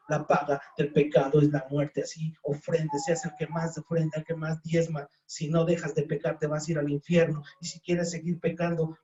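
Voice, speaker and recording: Man, pastor, fervent sermon, warm tone, muffled roomy church recording. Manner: fervent, rising to high emphatic peaks. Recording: roomy, dull church sound.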